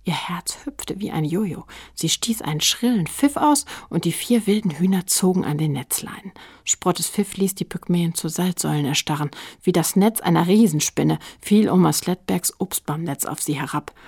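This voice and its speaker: A woman's voice: fairly low pitch, creaky, darkish tone, husky, no echo, studio quality. A woman reading a children's book aloud with suspense, often dropping to a whisper. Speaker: audiobook narrator.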